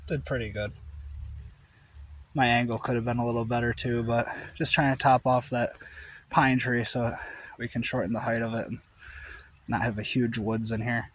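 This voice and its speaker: A man's voice: mid-range voice, flat delivery, normal speed, long pauses, a little hiss or hum. Guy outside, out of breath, casually rating a saw he just used, ums here and there. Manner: plain, with fillers. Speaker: product reviewer. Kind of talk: casual outdoor review. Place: outdoors in rain.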